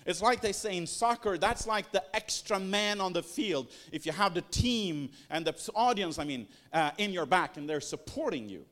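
A man's voice: high voice, animated, normal speed, hardly any pauses, fairly bright tone. A man giving a sermon-style teaching, talking in an emphatic, rhetorical way with lots of repetition. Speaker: preacher.

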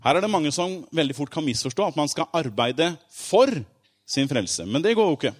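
A man's voice: on the high side, lively intonation. Man preaching an informal sermon. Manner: conversational, explains with everyday examples, frequent fillers and asides.

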